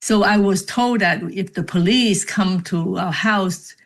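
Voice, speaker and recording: A woman's voice: medium pitch, measured pace. A middle-aged woman from Cambodia, a book author, recalling her childhood in a reflective, casual interview with many fillers. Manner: reflective, storytelling with frequent fillers. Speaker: author and podcast guest.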